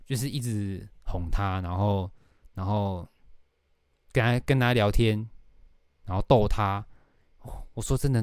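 Hosting a laid-back podcast, a young Taiwanese-Mandarin-accented man spins a meandering story, swearing casually along the way. His voice sits on the low side with a darkish tone, captured dry in a clean studio.

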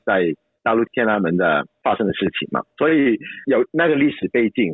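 Husky man with Cantonese-accented Mandarin. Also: lowish voice, no echo, narrow, tinny audio. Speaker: expert guest commentator. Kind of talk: explanatory interview answers.

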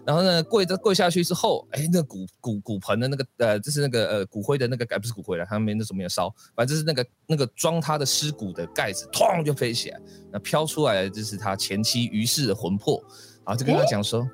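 A man's voice: mid-range voice, expressive, fast, soft background music. A man hosting a podcast, casually telling a folk ghost story with many fillers and acted voices. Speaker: podcast host.

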